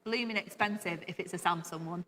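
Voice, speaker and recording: A woman's voice: lowish voice, fairly quick, pushed and bright, big-room sound, slight background noise. A young woman co-hosting a casual live quiz stream, chatty and giggly, with frequent exclamations. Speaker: co-host.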